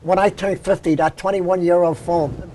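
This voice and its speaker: An older man hosting a cable talk show, asking simple questions and answering with quick short agreements. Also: high-pitched, fairly even intonation, dark tone, a little hiss or hum, rough recording. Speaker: host. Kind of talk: casual interview chat.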